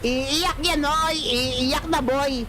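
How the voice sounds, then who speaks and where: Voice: high voice, steady tone, drawn-out words, slight background noise. A livestreamer ranting at the chat in a taunting, teasing way, repeating the same jabs again and again. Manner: mocking, repetitive, teasing catchphrases. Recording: loud background music over voice. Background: loud music.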